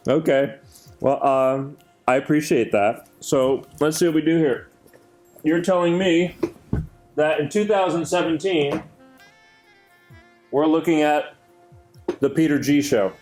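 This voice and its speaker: A man's voice: a little high, fairly even intonation, measured pace, pauses often, darkish tone, soft background music. A man hosting his own chat show, talking earnestly and rambling with lots of fillers and restarts. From Greek heritage. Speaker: show host.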